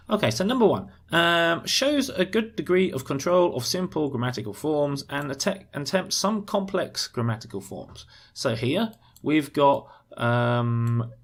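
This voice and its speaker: A man teaching an English exam lesson, explaining the marking step by step with examples. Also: on the high side. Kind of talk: instructional video lesson.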